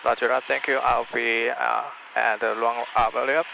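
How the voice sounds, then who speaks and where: A man speaking as a student pilot making radio calls to ground control, halting and hesitant, through a headset in a noisy small-plane cockpit. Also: mid-range voice, flat delivery, vocal fry. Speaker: student pilot on first solo cross-country flight. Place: inside a small Cessna cockpit. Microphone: aviation headset.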